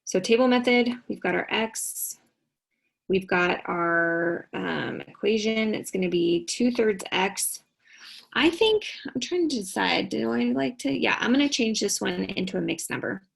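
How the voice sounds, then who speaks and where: Gravelly tired woman teaching math. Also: mid-range voice, a little slow, poor audio. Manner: talks students through each step, asking and answering her own questions. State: tired, yawning. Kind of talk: recorded classroom lesson.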